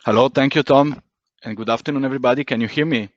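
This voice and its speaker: A man's voice: medium pitch, quick pace. A man giving a methodical, explanatory conference presentation, heard through a recorded online meeting on a video call. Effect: voice captured in a recorded online meeting. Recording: dull lo-fi online call audio.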